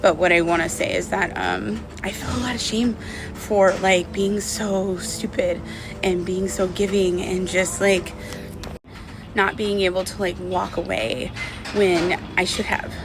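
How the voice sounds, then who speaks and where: Creaky and medium-pitched, the woman's voice stays fairly even and unhurried as background noise plays. She's a vlogger sharing her personal breakup story in a candid, rambling, confessional style full of "like" and "you know."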